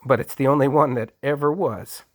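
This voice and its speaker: A man voicing a calm, dry-witted spy who answers flatly and unbothered. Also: mid-range voice, fairly quick, voice pushed up, lightly acted. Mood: deadpan.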